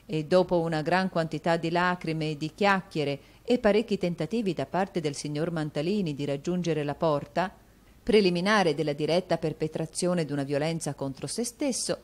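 Lower-voiced woman reading an audiobook. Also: normal speed, a little mellow. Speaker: audiobook narrator. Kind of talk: scripted narration.

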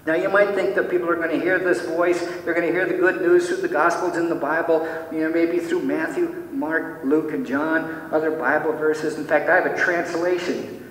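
A man preaching a sermon as pastor, posing many rhetorical questions and dropping to soft, quiet tones. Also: fairly even intonation, moderate pace. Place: church sanctuary. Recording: echoey church hall, mic from far off, faint rumble.

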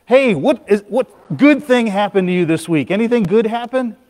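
A man in the pulpit talking to children with a high, lively voice that swoops up and down as he jokes with them. His words ring out through a church with a long hall reverb. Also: moderate pace. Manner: playful, animated talk to children. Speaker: pastor. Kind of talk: children's moment at a church service. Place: church sanctuary.

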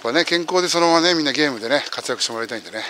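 A man's voice: fairly high pitch, racing, a little hiss or hum. A man streamer chatting casually and joking while walking a mountain trail outdoors, recorded on a camera mic. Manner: animated, joking, exclaims loudly. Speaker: streamer and host. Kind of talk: casual chat while hiking.

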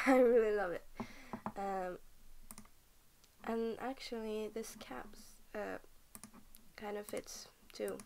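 A young Norwegian woman, a game vlogger who has just woken up and feels tired, rambles through casual game commentary at her computer, often half-whispering and breaking off mid-sentence. Her mid-range voice is gravelly and darkish, fairly even in intonation and slow, with long pauses. There's slight background noise.

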